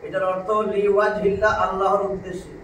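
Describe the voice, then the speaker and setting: Male religious teacher, high voice, repeats and glosses each word, mic far off in a booming hall. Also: little pitch movement, fast, a bit bright, slight background noise. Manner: explains word by word, repeating terms. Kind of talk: classroom Quran lesson. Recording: very echoey room recording from a distance.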